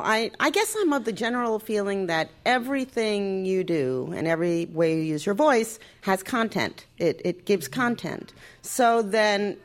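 A woman with a mid-range voice and very animated intonation. She explains her opinions to a panel, performing quotes expressively as she goes. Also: medium pitch. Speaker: podcast panelist.

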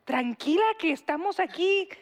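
A woman's voice: extremely high pitch, animated, moderate pace. A woman co-host, telling stories animatedly in a casual chat.

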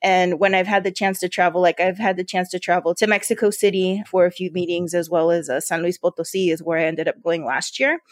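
This time her voice sits on the low side, with fairly even intonation and a brisk pace with few pauses. She is still the Yuma, Arizona port authority leader from the US, chatting informally as an interview guest, telling anecdotes conversationally and often quoting dialogue. The recording is dry and studio-clean.

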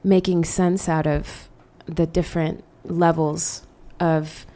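A woman's voice: sits low, little pitch movement, takes it slowly, dark tone. A woman co-hosting a reflective podcast conversation, thinking aloud and searching for her words. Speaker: podcast co-host.

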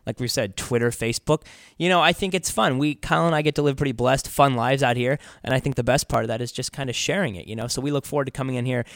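A man co-hosting a casual radio chat show, talking in a relaxed, chatty way and laughing easily. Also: medium pitch, fast talker, few pauses, dry recording, studio quality. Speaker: co-host. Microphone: studio mic.

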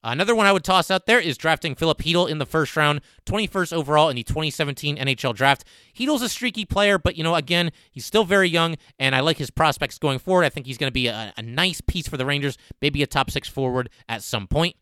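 A man presents a sports countdown as a podcast host, talking quickly in a bright, slightly high voice. His delivery is emphatic and conversational, like a keen fan arguing for each ranked pick. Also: animated, smooth, no room sound. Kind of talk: top ten countdown style sports commentary.

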